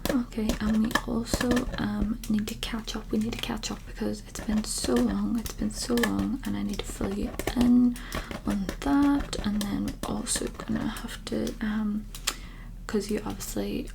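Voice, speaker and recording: A woman in an ASMR role-play, giving breathy ASMR personal attention close to the mic, with tingly mouth sounds and softly repeated words. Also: medium pitch, fairly even intonation, measured pace, noisy background. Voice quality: breathy unvoiced soft voice. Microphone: close-up ASMR microphone.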